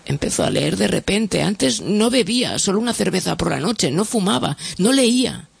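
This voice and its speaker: A man's voice: sits high, big pitch swings, normal speed, gravelly, breathy edge, voice pushed up, full character voice. A man reading a story aloud and voicing an anxious wife who pleads with the doctor. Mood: pleading. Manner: pleading, rising to shouts. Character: worried wife, adult woman, anxious and pleading.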